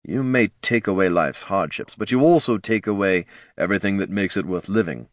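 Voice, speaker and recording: A bound undead knight commander answers his master with grim, measured defiance, his voice staying low. A man reads him in an audiobook. The recording is close and dry. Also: no room sound, lightly acted.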